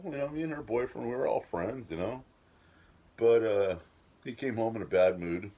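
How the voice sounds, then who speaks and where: A man's voice: low-pitched, a little mellow. A middle-aged man telling a rambling, casual story about his life, swearing freely and laughing at himself.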